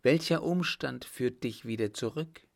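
A man's voice: medium pitch, a little slow, creaky. A man voicing an anxious, loving young woman in a storybook reading. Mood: anxious, tender.

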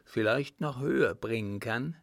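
A man voicing a calm, composed servant and former soldier who answers with quiet mockery in an audiobook reading. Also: mid-range voice, a little slow, creaky, no echo, studio quality. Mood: cool mocking. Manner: calm, composed, faintly mocking. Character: cool-headed male ex-soldier servant, calm and mocking.

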